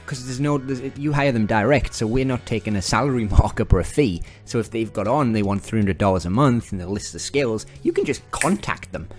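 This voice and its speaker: Northeast English man, casual sales-pitch vlog delivery, faint music underneath. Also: expressive, brisk, few pauses, a little mellow. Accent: northern English, northeast England. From northeast England. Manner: chatty, upbeat, salesy, chuckling asides. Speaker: business owner giving advice. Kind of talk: casual direct-to-camera advice talk.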